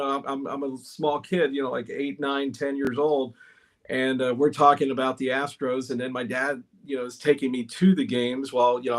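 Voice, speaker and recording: A middle-aged man from Houston, a guest on a podcast, telling stories about his past in a relaxed, casual way with frequent restarts. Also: medium pitch. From Houston, Texas. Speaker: podcast guest, baseball historian. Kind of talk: casual interview storytelling.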